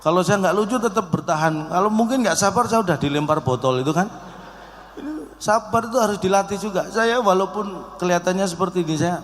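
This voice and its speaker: This is a comic speaker at an organisation's event, a man with a high, brisk voice joking and chatting directly with a live audience in a large hall. The sound comes through an echoey hall PA, with background noise.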